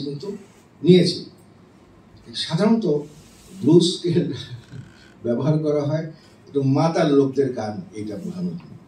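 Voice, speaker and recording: A middle-aged professor delivers an explanatory classroom lecture on music theory, checking in with his listeners often. His voice is on the high side and mellow, and the recording sounds roomy and distant with faint noise.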